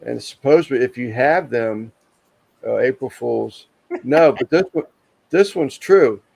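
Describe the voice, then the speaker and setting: A man hosting a casual livestream chat, telling rambling stories with lots of pauses and restarts. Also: medium pitch, creaky, a little mellow, poor audio. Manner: rambling, halting storyteller. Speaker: livestream host.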